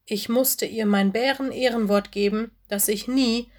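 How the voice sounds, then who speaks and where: A sensible young male bear from a storybook, as a woman reads him, earnest and level-headed. He speaks firmly and plainly, close to the narrator's own voice. He sounds steady rather than playful. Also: on the high side, measured pace, lightly acted.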